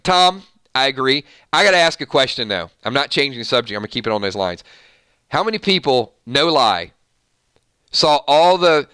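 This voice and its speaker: A man with a Southern accent chats casually on his livestream, reading out viewer comments and laughing easily. His voice is bright and smooth, and the sound is close and dry, with no room echo. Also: mid-range voice. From Georgia, US South. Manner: chatty, laughs easily, animated. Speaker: livestream host.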